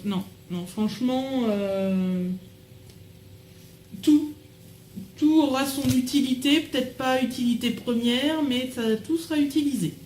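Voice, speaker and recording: A young woman with a fairly high voice chats casually to camera as she unboxes a package at home. She's bubbly and loose, trailing off into fillers. The room sounds echoey, with a faint hiss underneath. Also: darkish tone. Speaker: vlogger unboxing a swap package.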